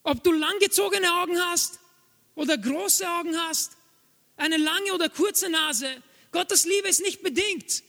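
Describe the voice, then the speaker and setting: A man's voice: extremely high pitch, a little slow, bright, forceful tone. A man preaching a sermon to a congregation, emphatic and repeating his key phrases. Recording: long hall reverb, faint music.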